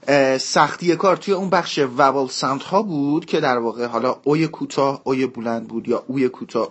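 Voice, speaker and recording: A man teaching English pronunciation in a recorded lesson, explaining patiently and slowly repeating the sample words. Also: on the high side, fairly bright tone, breathy edge.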